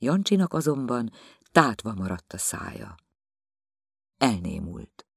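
A man reading literary prose aloud as an audiobook narrator, measured and expressive. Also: medium pitch, vocal fry, husky, no echo, studio quality.

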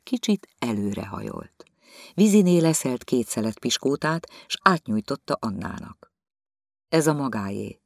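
Audiobook narrator, man, lively intonation, dry close sound. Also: mid-range voice, no echo.

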